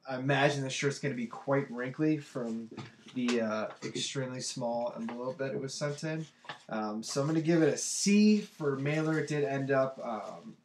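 A young man who runs a t-shirt review vlog talks through a product in a loose, chatty way, full of ums and uhs. He's congested from a cold, so his nose sounds stuffy. His voice sits at medium pitch, and the room is reverberant.

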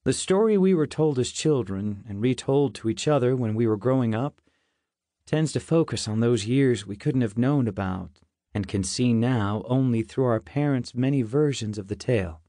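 A man reading a novel aloud in first person, in a measured and reflective way. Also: mid-range voice, lively intonation, dark tone, no room sound, studio quality. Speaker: audiobook narrator. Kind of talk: scripted first-person narration.

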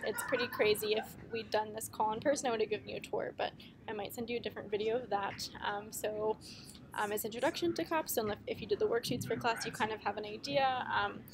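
A woman's voice: on the high side, fast talker. A young woman in her twenties, a student chatting with many ums as she explains things on a camera held at arm's length inside a big conference hall. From United States. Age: 20s. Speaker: student reporter. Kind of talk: casual video update to classrooms. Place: indoors at a large conference hall. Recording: noisy conference hall background.

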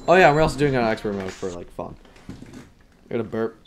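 A man's voice: fairly low pitch, animated, fairly quick. A young man giving casual commentary while streaming a hard game, chatty and self-deprecating, with many fillers and sudden yelps. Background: game music.

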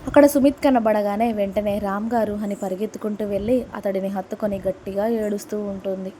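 A woman reading a serialized love story aloud and saying every character's lines herself in a plain, steady delivery. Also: medium pitch, a little fast, a little hiss or hum.

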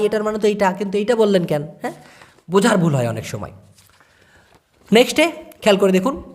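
A man teaching vocabulary in a casual spoken lesson, explaining words slowly, repeating them and checking that his listeners follow. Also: high-pitched. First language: Bengali. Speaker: language teacher.

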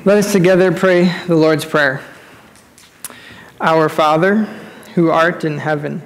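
High-voiced pastor at a pulpit microphone. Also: male voice, vocal fry, in a large hall, rough recording. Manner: measured, repeats key phrases, many "uh" fillers when praying. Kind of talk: sermon and prayer in a worship service. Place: church sanctuary during a service.

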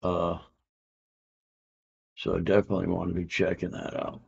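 His low voice is creaky with a breathy edge, delivered at an ordinary pace. A comic collector in his fifties, he rambles easily while unboxing his auction win, sprinkling in "uh," "man," and "I can dig it." The room at home is covered in comic art, and the camera audio is dull and lo-fi.

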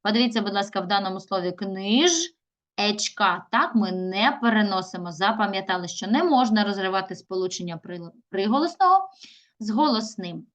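A middle-aged woman teaches young children in a recorded video lesson. Her voice sits in an ordinary middle range. She often slows down to stretch words out syllable by syllable. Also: mid-range voice, animated, a bit bright. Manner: slow, drawn-out syllables when sounding out words. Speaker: primary school teacher.

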